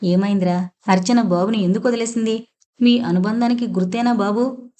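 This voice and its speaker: Woman reader as elderly father, calm, affectionate, audiobook. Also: mid-range voice, moderate pace, close to an everyday voice. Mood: gentle. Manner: calm, gentle.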